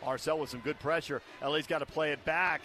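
A man's voice: fairly high pitch, steady tone, fast talker, sharp tone, soft background music. An American man doing live play-by-play soccer commentary in short, clipped descriptions of the action, over stadium noise. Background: outdoor stadium ambience.

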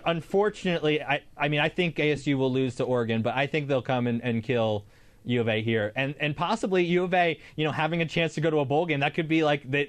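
A man with an American accent hosting a casual sports talk show. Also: on the high side. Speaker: sports podcast host.

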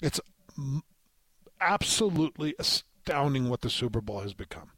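A man's voice: mid-range voice, very animated, normal speed, fairly bright tone, no room sound. A man co-hosting sports radio with conversational commentary, talking his way through points.

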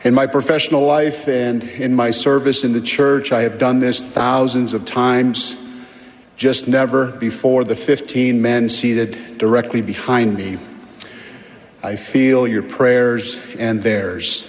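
An older man from Tonga delivers a formal sermon at a middle pitch. He speaks in a measured, earnest way with touches of gentle humor, and his voice rings with the long reverb of a large conference hall. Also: fairly even intonation. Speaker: church leader giving a conference address. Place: large conference hall with leaders seated behind.

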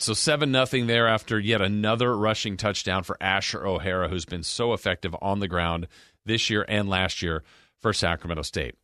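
A man with a slightly low voice and an American accent hosts a sports podcast. He talks through football games in a conversational way, stressing and repeating his points. The recording is dry, with very little room sound. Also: pushed and bright, no room sound. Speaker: sports podcast host and game broadcaster. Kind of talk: conversational football recap and analysis.

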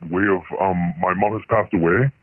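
A man calling in anonymously through a voice changer, speaking hesitantly with many pauses and ums. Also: sits low, fairly even intonation, dry recording. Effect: voice changer disguising his voice. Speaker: anonymous caller. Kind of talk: confessional phone-in chat. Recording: tinny phone line.

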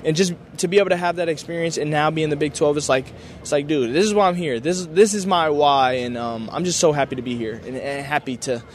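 At media day, a young adult college football player fields questions in a fairly high voice, talking fast with hardly any pauses over slight background noise. He's casual, eager and thankful, packing his answers with filler words.

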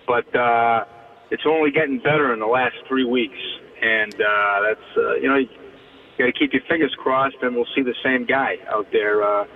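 A man calling in as a team reporter guest on a sports show, giving rambling, hedging answers. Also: medium pitch. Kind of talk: phone-in sports interview. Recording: tinny phone line.

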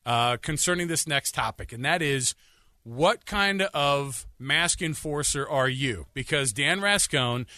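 Male radio co-host, bright and lively, rambling jokey banter, dry studio sound. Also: a little high, measured pace, no echo. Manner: joking, rambling, restarts often.

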